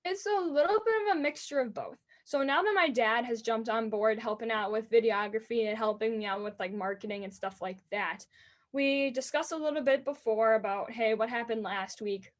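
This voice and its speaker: An eighteen-year-old woman with a high voice answers interview questions about racing announcing. She is earnest and enthusiastic, speaking in quick bursts.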